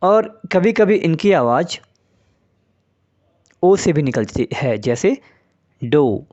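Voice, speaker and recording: A man's voice: a little high, very animated, slow, a little mellow, dull audio. A man teaching English pronunciation in Hindi, patiently spelling out letters and saying example words one by one. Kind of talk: spoken English lesson in Hindi.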